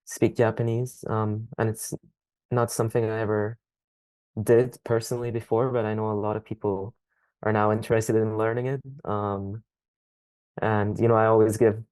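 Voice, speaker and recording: A young man speaks in a low, fairly monotone voice, answering a podcast host's questions at an unhurried pace. He hesitates often with "um" as he thinks aloud. The sound is dry and close, with no room echo. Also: smooth. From Scotland. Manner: thoughtful, hesitant, frequent ums. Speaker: podcast guest. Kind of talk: casual interview answers.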